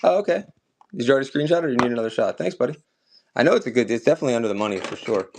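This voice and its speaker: A man's voice: medium pitch, animated, very fast, gravelly, noisy background. A man running a live collectibles auction stream, chatting casually and upbeat with viewers as he sells items.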